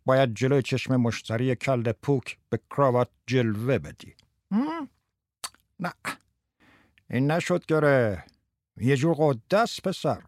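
A swaggering older salesman bursts through his lesson, talking fast and teasing his pupil, as a man puts him on in an audiobook. He swings between loud showy patter and low coaching asides. The sound is close and dry with no room around it. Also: dry recording, natural voice. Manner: lively, fast coaching banter. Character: brash older male tie salesman teaching a boy. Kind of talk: audiobook character voice.

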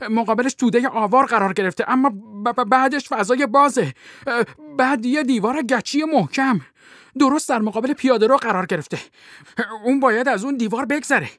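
A woman voicing an excitable male army captain who gives a tense, halting running commentary in an audiobook. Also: fairly high pitch, no room sound, studio quality, natural voice. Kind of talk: audiobook role reading.

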